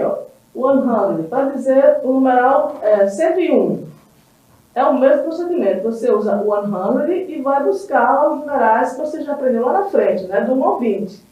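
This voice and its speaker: A woman with a fairly high voice teaches English on a TV class, speaking slowly and patiently. She often stops to check that everyone follows. She sounds distant, in a very echoey room, on a dull recording. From Brazil. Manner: slow and patient, with many filler checks and repeats. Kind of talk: televised English lesson.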